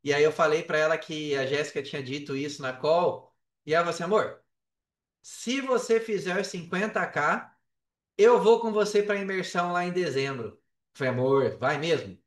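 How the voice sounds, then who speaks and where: Recorded distantly in an echoey room, a Brazilian man with a Brazilian Portuguese accent tells personal stories casually as a podcast guest in an interview; he works as an affiliate marketer. He repeats words often and checks in with the listener. His voice is on the high side, at normal speed.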